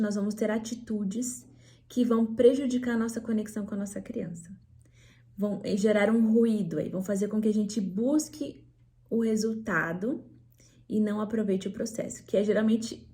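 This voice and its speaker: A Brazilian woman speaking as a speech therapist to parents. Her voice is soft and mellow, at an ordinary middle pitch. She explains in a patient, didactic way, tagging her points with quick checks to the listener. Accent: Brazilian Portuguese. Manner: didactic, frequent "né?" and "tá?" tag questions. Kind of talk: educational talk to parents.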